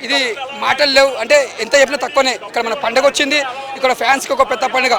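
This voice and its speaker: A man giving an excited street review of a film after a screening, talking fast and emphatically. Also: very high-pitched. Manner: fast, emphatic, repeats the star's full title. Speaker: moviegoer giving a public review. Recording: outdoor crowd noise behind.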